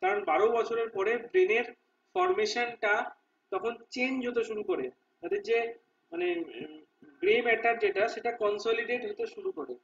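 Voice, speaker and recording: Brief: male tutor, very high bright voice, distant lo-fi recording, explains multiple-choice answers. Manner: reads English options slowly, explains in Bengali with repeated "ঠিক আছে?". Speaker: exam prep teacher. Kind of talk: Bengali lesson walking through multiple-choice questions.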